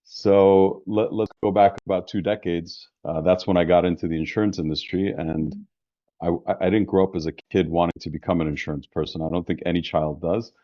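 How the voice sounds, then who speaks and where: A little fast and deep-voiced, a New York–area guest who founded an insurance business talks in a relaxed, talkative manner with frequent restarts during a casual interview. The recording is dry, with the highs cut off.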